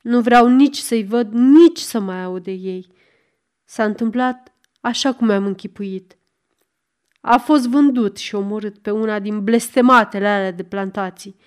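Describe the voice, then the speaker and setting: A woman's voice: medium pitch, clear, resonant tone, lightly acted. A woman narrator voicing a proud, grieving old servant woman in a storybook reading, lightly voiced. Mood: bitter.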